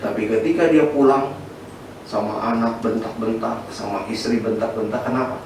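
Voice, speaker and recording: A male pastor giving an animated sermon, swinging his pitch up and down and often restarting words. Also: moderate pace, recorded from a distance, slight background noise. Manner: animated preaching, sweeping pitch, frequent fillers and restarts. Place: church sanctuary. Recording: echoey church hall from afar with faint ambience.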